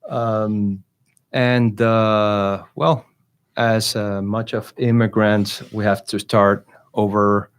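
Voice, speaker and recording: A middle-aged Venezuelan man, a native Spanish speaker with a Venezuelan Spanish accent, is a guest in an interview. His fairly low voice is flat, slow, and clean in tone, and he speaks hesitantly with lots of fillers.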